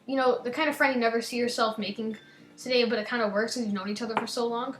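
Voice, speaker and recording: A young woman with a slight lisp hosting a gaming channel, chatting casually and reading game text aloud, her lines often trailing off quietly. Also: fairly high pitch, fairly even intonation, fast talker, echoey room, a little hiss or hum.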